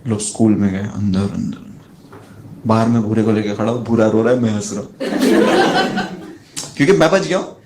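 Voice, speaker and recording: A man doing standup, telling a long comic story and putting on high voices for the people in it. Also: a little fast, pauses often, background noise. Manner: animated, jumps into high voices for friends in the story. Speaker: standup comedian.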